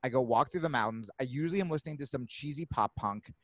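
Animated swearing male podcast host. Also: medium pitch, no echo. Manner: animated, swearing, quick asides. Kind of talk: casual chat.

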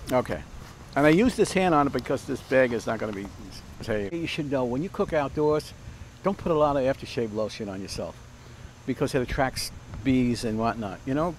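With a lapel mic clipped on, an older man hosts an easygoing outdoor cooking demonstration by a backyard fence. He has a mid-range voice and chats in a rambling way, full of fillers and restarts. The audio is poor, with a little hiss or hum.

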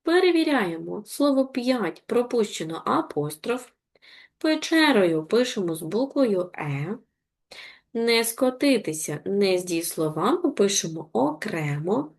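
A woman teacher giving an online reading lesson to young children, encouraging and deliberate, slowing down to spell out words. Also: mid-range voice, sing-song. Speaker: primary school teacher.

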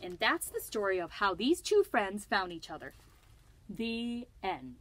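Slow, lively storytime librarian woman. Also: medium pitch, a little hiss or hum. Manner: gentle, asks kids questions, laughs often. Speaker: children's librarian. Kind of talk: storytime read-aloud for children.

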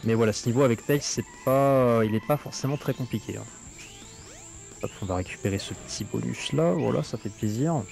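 A man chats through his play with a crunchy, bitcrushed 8-bit filter over his voice. His pitch sits in the middle, and he keeps up a loose, filler-heavy running commentary. Game music plays faintly behind him. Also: fairly quick, gravelly, darkish tone. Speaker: gaming streamer. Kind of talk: casual gameplay commentary.

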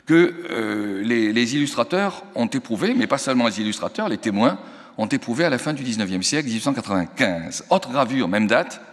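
A man gives a public lecture, his pitch rising and falling in a very animated way. He stresses key words and restarts phrases as he thinks aloud. His voice rings with the long reverb of a big auditorium. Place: large auditorium.

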